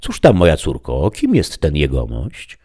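A sturdy, blunt peasant wife in her forties from an old storybook, as a male reader acts her out. She talks in plain, humble rustic phrases, pitched well above the reader's own deep voice. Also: huge pitch swings, unhurried, mellow, husky, heavily acted.

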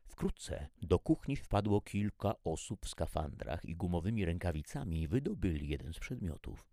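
A man narrating a story in an expressive, animated reading style. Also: low-pitched, moderate pace, vocal fry, dry recording, clean studio sound.

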